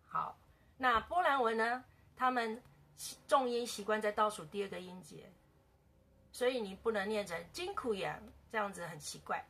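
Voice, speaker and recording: Woman language teacher, bright and a bit gravelly, casual beginner lesson, repeats words slowly. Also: mid-range voice.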